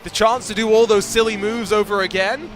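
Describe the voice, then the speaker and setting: A man's voice: sits high, steady tone, over music. A man commentating a sim racing event live, joking with his co-host between races. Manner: quick, joking banter with co-host.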